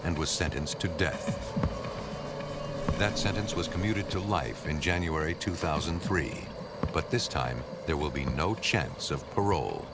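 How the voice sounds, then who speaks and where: A man giving grave, measured scripted narration for a crime documentary. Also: very deep voice, lively intonation. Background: music.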